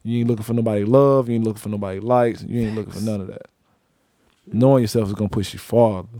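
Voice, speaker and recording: A man co-hosting a podcast in casual, slangy chat, getting animated when something bothers him. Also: fairly low pitch, fast, no echo, studio quality. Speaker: podcast co-host.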